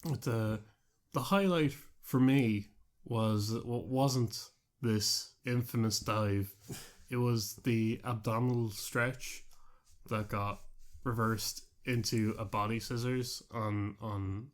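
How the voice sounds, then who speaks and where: An Irish-accented man co-hosts a podcast in a lowish, steady voice, taking his time. The chat is casual and rambling, he sounds amused, and he often trails off mid-sentence.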